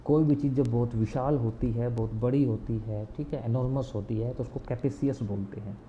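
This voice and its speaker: Dark-voiced man teaching vocabulary. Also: medium pitch. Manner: repeats words many times over; explains memory tricks in simple talk. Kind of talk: vocabulary lesson. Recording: slightly dull with faint noise.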